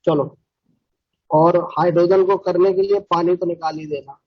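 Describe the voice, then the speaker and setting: A man teaching an online chemistry lecture in a brisk, scolding way, urging students to answer fast. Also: high voice, steady tone, no room sound. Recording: dull, dry lo-fi sound.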